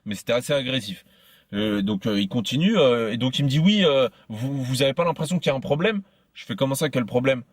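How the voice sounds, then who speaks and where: A man telling a personal story to a friend, tripping over his words and circling back on phrases again and again. His voice sits at an ordinary middle pitch and is recorded close and dry, with no room sound. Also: no room sound. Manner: stumbling, repeats himself often. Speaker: podcast host. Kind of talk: casual storytelling chat.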